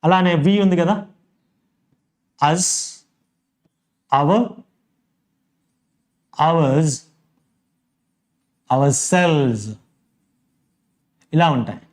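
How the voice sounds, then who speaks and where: Male Telugu-accented teacher, high pitch, unhurried, lists words one by one. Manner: slow, repeats examples and lists word by word. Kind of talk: grammar lesson.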